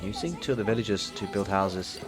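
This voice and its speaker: A man giving steady play-by-play commentary on a strategy game match, explaining moves as they happen with frequent fillers. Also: fairly low pitch, a little fast, over music. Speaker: esports caster.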